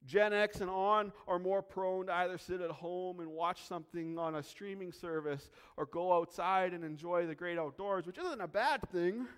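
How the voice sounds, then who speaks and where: A man's voice: high-pitched, clean tone. A man preaching as a pastor, earnest and emphatic, repeating key phrases for weight, from Canada. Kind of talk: sermon. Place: church sanctuary. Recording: long hall reverb.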